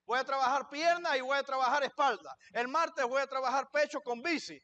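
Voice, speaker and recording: A man's voice: extremely high pitch, lively intonation, brisk, pushed and bright, lo-fi sound, a little hiss or hum. A man preaching a sermon in a church as pastor, asking the congregation questions and answering them himself.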